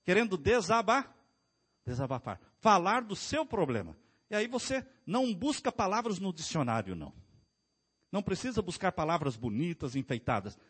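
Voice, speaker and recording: A male pastor delivers a sermon, asking his congregation rhetorical questions. His voice sits slightly high and has a husky edge. His pitch rises and falls in wide, animated sweeps. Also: normal speed.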